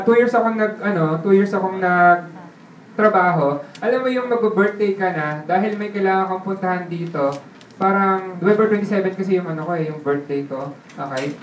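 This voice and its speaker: A man's voice: sits high, a little hiss or hum. Chatty man, distant roomy mic. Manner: keeps checking in with the listener using tag questions; chuckles often while telling the story. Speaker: interviewee telling his life story. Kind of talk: casual spoken storytelling. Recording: roomy sound from a distant mic with faint ambience.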